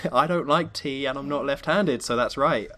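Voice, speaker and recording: A man's voice: mid-range voice, a little slow, crowd noise. A young man, a little ill, hosting a casual podcast chat in an easygoing manner and laughing along. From Britain. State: slightly ill. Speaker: podcast host.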